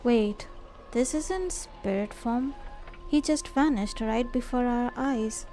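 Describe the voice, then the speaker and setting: On a livestream, a woman reads a game's story dialogue aloud with faint game music behind her. Her voice is a little high and warm, and she takes it slowly.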